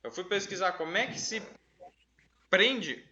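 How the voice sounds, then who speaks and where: Guy leading bible study, reads verses then explains slowly, kinda muffled recording. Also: high-pitched, bright, forceful tone. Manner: thoughtful, explains step by step with frequent "né?".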